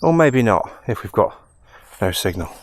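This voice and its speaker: A man's voice: fairly low pitch, sing-song, moderate pace. A man, out of breath on a foggy outdoor walk, giving wry, self-mocking vlog commentary. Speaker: vlogger.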